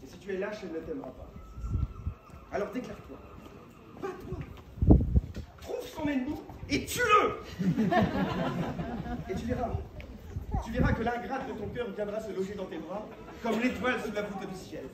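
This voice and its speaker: Lovesick crazy-grand knight, super hammy stage declaiming, high voice, echoey noisy live recording. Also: male voice, big pitch swings, normal speed, pauses often, far from the mic. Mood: scolding, declamatory. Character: grandiose, lovesick, fervent knight Don Quixote. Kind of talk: theatrical stage acting. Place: live theatre show, far from mic.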